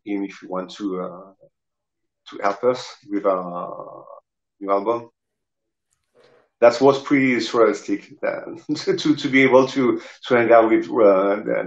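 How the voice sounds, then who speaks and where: Slow and fairly low, with a darkish tone, this middle-aged Frenchman from the south speaks haltingly as he shares casual stories, groping for words. He's a rock guitarist and singer being interviewed over a video call indoors, and the audio is dull and roomy.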